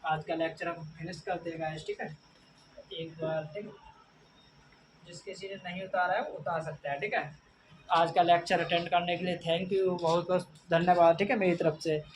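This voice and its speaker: A man teaching an English grammar lesson, reading out examples slowly and repeating a filler after nearly every phrase. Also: sits high, fairly even intonation. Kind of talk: classroom lecture. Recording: distant mic with faint background noise.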